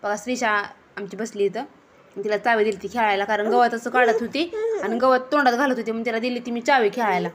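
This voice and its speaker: A woman's voice: on the high side, steady tone, a little fast, a little hiss or hum. A young woman, casually narrating a family vlog outdoors in a garden, chatty and scolding her children now and then. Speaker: vlogger and mother.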